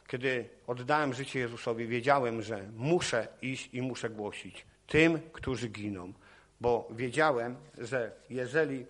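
A man preaching a sermon from a podium, weaving in his own testimony with passionate, repetitive phrasing. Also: medium pitch. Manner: impassioned, repetitive, rising in intensity. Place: church or meeting hall podium.

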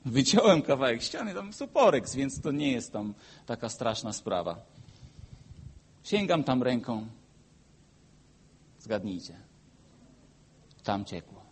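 A pastor preaching a sermon and telling a personal story. He swings between loud, emphatic peaks and quiet, low asides. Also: very animated, slow, long pauses, a little hiss or hum.

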